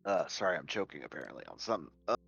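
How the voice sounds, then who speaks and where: A man running a tabletop game as game master, explaining rules in a calm, matter-of-fact way over voice chat. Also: rumbling low, racing, creaky, husky, far from the mic, muffled recording, faint music behind. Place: online voice chat.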